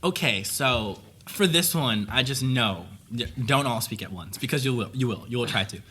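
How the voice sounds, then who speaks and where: A man's voice: mid-range voice, animated, normal speed, sharp tone, breathy edge. A young man moderating a casual discussion, asking questions in a loose, casual way.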